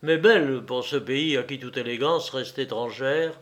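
A man narrating a literary story in a measured reading voice. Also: mid-range voice, a bit bright.

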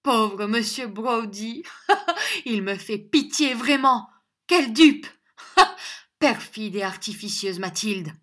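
A haughty young lady delivers her melodramatic scorn in a storybook scene, voiced by a woman reading aloud. Her voice is pitched high and bright. Every line comes out theatrical and disdainful. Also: animated, takes it slowly, few pauses, full character voice. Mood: scornful.

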